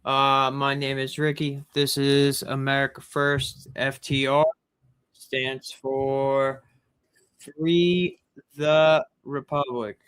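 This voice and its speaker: A man's voice: mid-range voice, level tone, takes it slowly, fairly bright tone, clear, resonant tone. A man hosting his own channel, talking bluntly, with a heavy echo on his voice. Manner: blunt, swears freely. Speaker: channel host. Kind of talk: casual political commentary.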